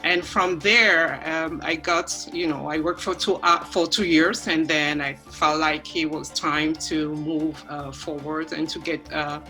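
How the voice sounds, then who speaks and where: Low-voiced, bright, hesitant woman from Cameroon. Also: fairly even intonation, a little slow, hardly any pauses, faint music behind. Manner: hesitant, many fillers and restarts. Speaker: panelist, research scientist. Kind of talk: online panel introduction.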